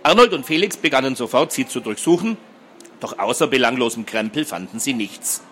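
A man narrating a fantasy adventure story as an audiobook reading, in a steady storytelling voice. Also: medium pitch, brisk, a little hiss or hum.

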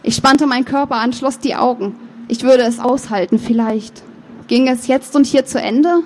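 A woman author reading her novel aloud, with measured, expressive first-person narration and the odd slip of the tongue. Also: fairly high pitch, a little hiss or hum. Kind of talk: book reading.

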